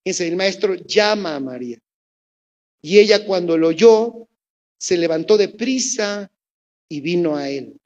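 A woman with a Mexican accent preaching a sermon, telling the story in a lively way and asking the congregation questions. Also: fairly low pitch, a little slow, pauses often, dull audio.

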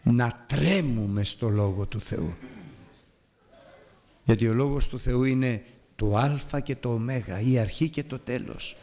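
A man preaching a sermon, retelling scripture dramatically, his voice climbing and falling sharply as he addresses the congregation. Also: a little mellow. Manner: dramatic retelling of scripture with big rises and drops in pitch; addresses the congregation directly and urges them.

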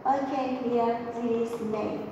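A woman's voice: fairly high pitch, fairly even intonation, slow, muffled recording. A woman English teacher who patiently walks children through test answers, repeating phrases and correcting herself. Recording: echoey room, voice far from the mic, faint noise.

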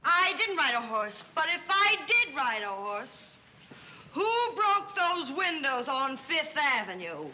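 An actress playing an impulsive, dramatic spoiled young heiress in a 1930s screwball film, petulant and breathless. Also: female voice, high voice, sing-song, slow pace, bright, forceful tone, heavily acted, rough recording. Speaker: daughter.

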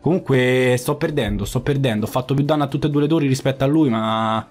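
Uomo sboccato che commenta il gioco. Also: male voice, medium pitch, quick pace, a little mellow, faint music behind. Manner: foul-mouthed, swears and repeats phrases in frustration. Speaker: gaming YouTuber. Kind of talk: live gameplay commentary.

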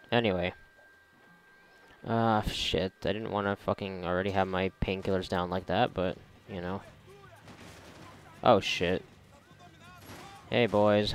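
There's slight background noise as a man with a low-sitting voice comments on the video game he's playing. Recorded on a close mic over the gameplay, his talk is casual, sarcastic, rambling, and full of profanity.

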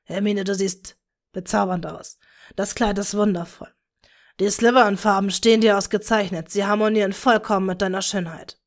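Woman doing a soft-spoken doting dark wizard. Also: mid-range voice, steady tone, vocal fry. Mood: gentle. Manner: soft, measured, gentle.

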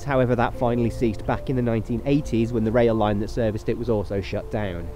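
An urban explorer vlogger in his thirties tours derelict sheds, offering wry, chatty on-location commentary and voice-over narration while marveling at the decay. His voice is medium-pitched and warm.

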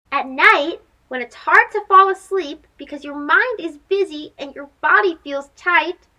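This children's read-aloud host is a young woman sharing a picture book with small children, her very high voice rising and falling dramatically. She reads slowly in a bright, clear, sing-song style. The recording quality is poor.

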